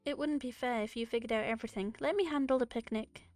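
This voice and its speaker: A woman's voice: fairly high pitch, quick pace, darkish tone, dry recording, faint music behind, lightly acted. A woman voicing sweet, refined Violet. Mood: warm teasing. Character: gentle refined young woman baker. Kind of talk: reading a visual novel aloud.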